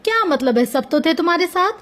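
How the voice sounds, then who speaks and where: An exasperated young husband presses his wife with questions, read by a woman narrator. The voice stays high and is only lightly shaped. It is storybook narration. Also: expressive, quick pace, fairly bright tone. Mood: impatient. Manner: impatient, questioning.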